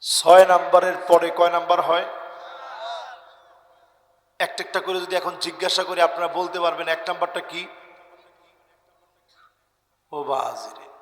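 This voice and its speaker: A male preacher giving an impassioned sermon, shouting some lines and chanting others, and quizzing his listeners. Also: high-pitched, flat delivery, a little slow, pauses often, echoey room, long reverb tail. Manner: impassioned, swings between shouts and sung lines, quizzes the crowd. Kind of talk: Bengali waz sermon.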